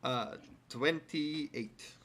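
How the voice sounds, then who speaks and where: A man's voice: a little high, very slow, fairly bright tone, slight background noise. A man playing a tabletop game, speaking hesitantly and cautiously with frequent fillers. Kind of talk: in-character game banter.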